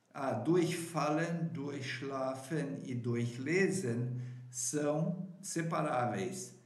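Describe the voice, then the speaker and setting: A man teaching a grammar lesson, explaining haltingly with many fillers and "right?" checks, and carefully pronouncing example words. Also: medium pitch, a little mellow, echoey room. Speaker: German teacher.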